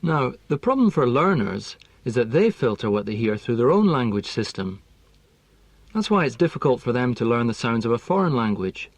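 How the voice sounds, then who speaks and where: A man delivers a scripted lesson on speech and intonation at a steady, precise pace, in a mid-range voice. The recording is dry and close, with no room echo. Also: medium pitch. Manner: measured, precise, explanatory. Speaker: language teaching expert.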